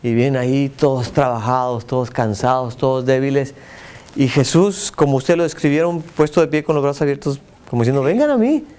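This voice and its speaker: A man's voice: medium pitch, fairly even intonation, brisk, a little mellow, clean tone. A man teaching a church class. He asks the group questions and stresses single words for emphasis.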